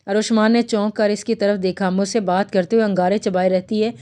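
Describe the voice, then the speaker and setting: Give me a woman with a smooth, clear voice narrating a romance novel. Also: medium pitch. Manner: steady storytelling. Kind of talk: reading a romantic novel aloud.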